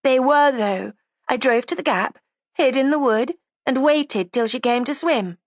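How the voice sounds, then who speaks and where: A woman's voice: high voice, unhurried, dry recording, highs cut off, voice pushed up. A woman reading an audiobook, voicing a resentful, defiant young woman with a sarcastic, combative edge. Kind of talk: audiobook character voice.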